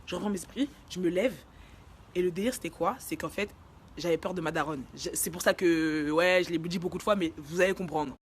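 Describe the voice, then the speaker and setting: A young woman tells a personal story straight to camera in quick, slang-heavy speech. She races through it and bursts into shouts when she acts out the wild parts. A faint background hum sits under her voice. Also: fairly low pitch. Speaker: vlogger telling a personal story. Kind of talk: casual story time.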